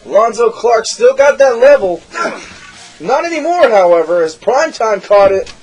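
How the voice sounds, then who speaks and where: A man calling a wrestling match play-by-play, excitable and shouting at big moves, losing his voice. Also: extremely high pitch, moderate pace, slight background noise, poor audio. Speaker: wrestling commentator.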